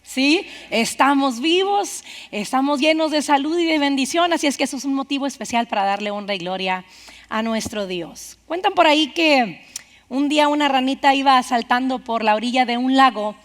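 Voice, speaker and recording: A woman preacher giving an animated sermon, calling out to the congregation and swinging from loud to soft. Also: high voice. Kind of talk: lively bilingual-church sermon. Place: church sanctuary. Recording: reverberant church hall.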